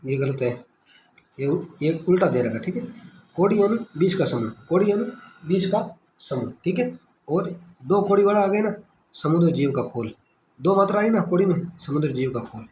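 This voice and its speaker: A man's voice: a little high, expressive, moderate pace, a little mellow, lo-fi sound. Man, exam tutor, self-quizzing and repetitive, echoey room, faint hiss. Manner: repetitive quiz-style questioning, frequent "ठीक है". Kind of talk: screen-recorded exam lesson. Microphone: screen-recorder phone mic.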